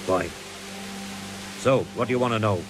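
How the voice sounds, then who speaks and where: A man's voice: lowish voice, moderate pace, background noise, lightly acted. A man voicing a wary, grudging medieval village tradesman in a video game. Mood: grudging, cooperative.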